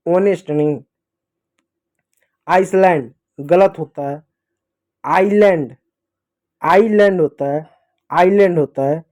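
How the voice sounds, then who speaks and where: A man's voice: fairly high pitch, dark tone. A man with an Indian accent teaching English pronunciation, emphatically repeating each word again and again. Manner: emphatic, repeats words over and over. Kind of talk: classroom lesson explaining pronunciation.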